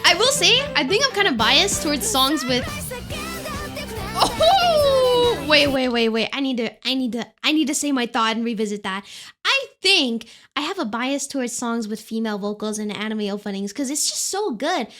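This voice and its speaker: A woman VTuber giving excited, casual reaction commentary, exclamatory and easily amazed. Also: high-pitched, normal speed. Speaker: VTuber reacting to anime openings. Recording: music playing behind the voice. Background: anime theme songs.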